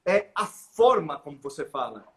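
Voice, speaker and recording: A middle-aged man with a Brazilian Portuguese accent, explaining his views as the guest of a live interview, animated and full of "né?" tags and restarts. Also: a little high, normal speed. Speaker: guest expert.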